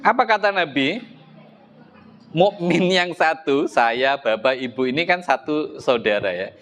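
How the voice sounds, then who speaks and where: A man's voice: fairly high pitch, lively intonation, a little slow, a bit bright, slight background noise. A middle-aged man with an East Javanese accent giving a religious study lecture in a mosque, talking conversationally and asking his listeners rhetorical questions. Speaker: Islamic religious teacher.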